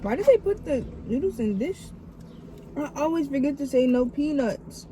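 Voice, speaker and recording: Blunt slangy girl eating in the car, mellow kinda high voice. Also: big pitch swings, normal speed, slight background noise, rough recording. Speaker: vlog co-host. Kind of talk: casual mukbang chat. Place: parked car.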